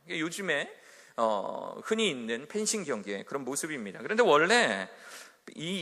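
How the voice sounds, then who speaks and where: Animated man preaching in an echoey hall. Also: a little high. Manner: animated, builds to loud emphatic peaks. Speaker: chapel preacher. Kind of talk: school chapel sermon. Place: chapel hall. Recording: echoey hall with long reverb.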